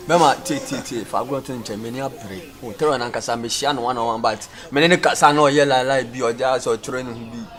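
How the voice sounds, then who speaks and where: A man's voice: mid-range voice, fast talker, hardly any pauses, fairly bright tone, lightly acted. A man with a Ghanaian accent playing a boastful, eager young student in a film drama, often repeating himself. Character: boastful, eager young male student wanting into a campus gang. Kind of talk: dramatic film acting in Ghanaian Pidgin and Twi-mixed English. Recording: music behind film dialogue.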